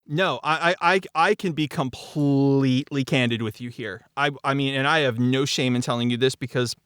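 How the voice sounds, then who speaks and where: A forties-aged audio drama creator recounts behind-the-scenes tales of his show, candid and emphatic, repeating phrases to stress them in animated, chatty storytelling. His mid-range voice is clear, resonant, and fairly bright at a normal speed, recorded in a studio with no echo.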